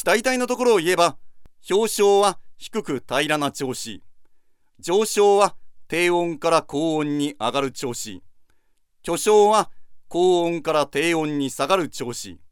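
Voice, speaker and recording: A man's voice: sits high, fairly bright tone, clean tone, no room sound, studio quality. A man giving a patient, methodical lecture, repeating key points as he teaches. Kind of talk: explanatory lecture.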